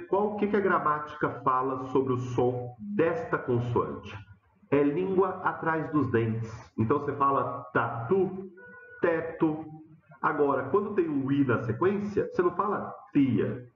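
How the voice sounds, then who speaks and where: A man with a São Paulo Portuguese accent teaching a lesson, lively and questioning, acting out students' voices. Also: normal speed, soft background music. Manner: animated, acts out students' questions with rising pitch. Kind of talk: lecture to students. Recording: dull, roomy classroom sound.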